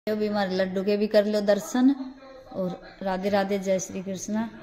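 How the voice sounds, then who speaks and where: A woman's voice: mid-range voice, level tone, normal speed. A middle-aged woman with a Haryanvi accent, chatting casually to camera at home as a family vlogger. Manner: chatty, rambling, homely. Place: at home, indoors. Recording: echoey room with loud background noise and passing vehicles.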